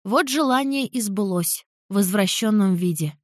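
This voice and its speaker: A young woman narrates a fantasy audiobook in the first person. Her reading is expressive and emotional at a middle pitch. The recording is close and dry, with no room around her. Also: normal speed, dry recording.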